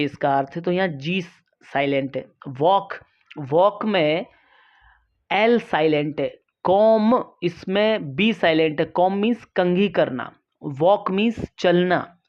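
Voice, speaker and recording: A woman teacher explaining a textbook lesson to children in a slow, patient voice. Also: lowish voice, dull audio. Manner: slow, patient, reads English lines then explains them.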